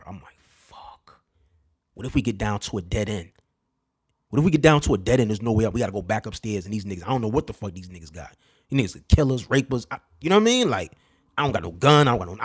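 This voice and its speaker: A man in his thirties or forties tells stories to a live chat in a casual, animated, streetwise way, with a mid-range voice. He fills his talk with "you know what I'm saying" asides and goes hushed and low when the story turns tense. The sound is close and dry, with no room echo. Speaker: livestream host.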